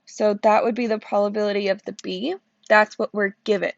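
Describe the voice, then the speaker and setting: Sleepy woman teacher, gravelly voice. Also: mid-range voice, level tone, brisk, dry recording, highs cut off. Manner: explains step by step, checking in with "okay?". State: sleepy, yawning. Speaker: math teacher. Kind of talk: recorded classroom lesson walkthrough.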